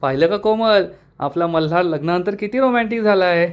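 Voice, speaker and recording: A man's voice: high voice, expressive, a little fast, smooth, lo-fi sound. A man voicing a jovial coworker who coaxes and teases his friend. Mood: teasing. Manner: coaxing, teasing.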